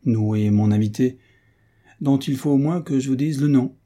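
A man reading aloud as a bold young soldier who teases his uncle in a lively, resolute way. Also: mid-range voice, normal speed, close to an everyday voice. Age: young adult.

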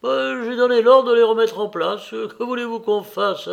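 A man's voice: extremely high pitch, moderate pace, creaky, fairly bright tone, highs cut off, voice pushed up, full character voice. A man doing a whining, excuse-making peasant steward. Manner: drawling, excuse-making, starts with "ben" and "oh". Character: fretful peasant estate steward, male, evasive.

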